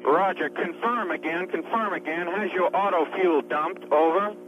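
A man's voice: high voice, normal speed, over music. A man working as a ship's radio communicator, speaking in clipped radio procedure over an archival radio transmission. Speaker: ship communicator. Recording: muffled noisy archival radio link.

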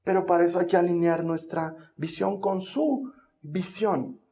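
A man with a high voice and vocal fry preaches at an unhurried pace. He tells Bible stories in a dramatic, animated way, slipping in jokes as he goes.

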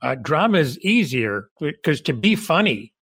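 Cuban guy hosting an interview, friendly, kinda halting, dry close sound. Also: fairly high pitch, sing-song, vocal fry, fairly bright tone, husky, dry recording. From Cuba. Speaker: interview host. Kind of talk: casual interview chat.

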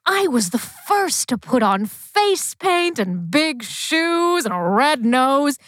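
A woman's voice: high voice, big pitch swings, slow pace, a bit bright, dry recording, clean studio sound, heavily acted. A woman playing a self-important, boastful professor and proud old-hand clown who hosts a comedy podcast, grandiose and theatrical. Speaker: podcast host. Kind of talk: comedy podcast character acting.

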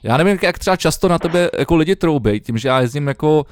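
A man's voice: fairly high pitch, expressive, clean tone, no room sound, clean studio sound. A young man co-hosting a podcast over a remote call, chatting loosely with lots of swearing and fillers. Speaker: podcast co-host. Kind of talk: casual chat.

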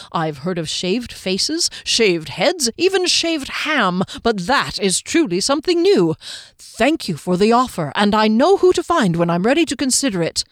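A woman voicing a small, tipsy, overly polite male halfling gentleman who rambles fussily. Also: mid-range voice, no echo, clean studio sound.

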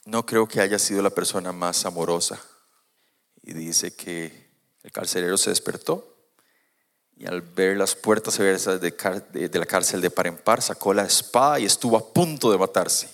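A man preaching a sermon, animated, moving from quiet asides to loud emphatic points. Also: sits low, moderate pace, creaky.

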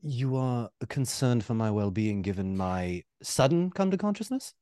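A man's voice: medium pitch, animated, normal speed, mellow, no room sound, studio quality, natural voice. A man voicing a polite, eloquent rat in a tabletop game, speaking in a formal, wordy way. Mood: courteous, measured.

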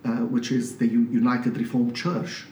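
A man from Syria with a Syrian accent, a priest talking as an interview guest in a measured, explanatory way with frequent restarts. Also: medium pitch, level tone, a little mellow. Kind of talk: conversational interview. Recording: roomy, slightly distant mic with faint noise.

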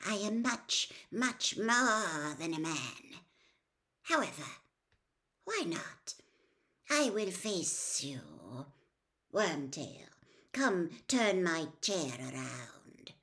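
Woman voicing Lord Voldemort, slow, cold, hushed dark lord. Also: on the low side, big pitch swings, heavily acted. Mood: quiet command. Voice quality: cold, hushed, breathy at times. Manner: slow, imperious, quietly threatening. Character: cold, menacing male dark lord, more than human. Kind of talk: audiobook character acting.

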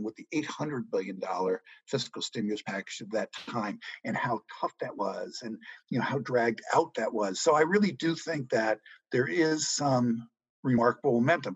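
A middle-aged man answering interview questions about money in a measured, reassuring way. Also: medium pitch, breathy edge, no room sound, highs cut off. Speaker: guest economics journalist.

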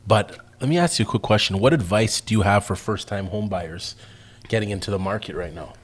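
A man's voice: lowish voice, brisk. A man hosting a casual interview, laid-back and slangy, with frequent "you know what I mean" fillers. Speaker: interview host.

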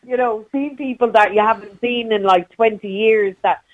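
Muffled, high-voiced west of Ireland woman caller. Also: moderate pace. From County Clare, west of Ireland. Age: middle-aged. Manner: chatty, colloquial. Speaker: radio show caller. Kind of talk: casual chat, reminiscing. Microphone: phone call to a radio show. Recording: dull, muffled call-in line.

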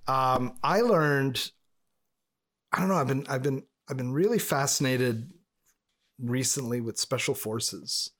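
A man's voice: medium pitch, unhurried, a bit bright. Chatty man from Montreal. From Montreal, Canada. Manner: chatty, rambling storyteller. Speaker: podcast co-host. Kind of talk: casual podcast chat.

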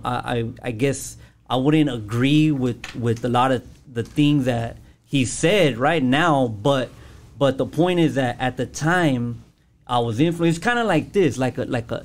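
A man with a medium-pitched voice talks as a guest on a podcast. He shares personal testimony casually, often halting to find the right word, with street slang throughout. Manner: halting, searching for words, slangy.

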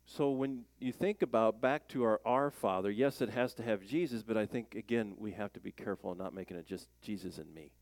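A man preaching in a relaxed, conversational way, his fairly low voice carrying a gravelly edge. He often puts questions to the congregation and reads scripture aloud. The sound is dry and close, with no room around it. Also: brisk, few pauses, no room sound. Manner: animated, plain-spoken, asks the congregation questions. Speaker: pastor. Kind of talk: conversational sermon.

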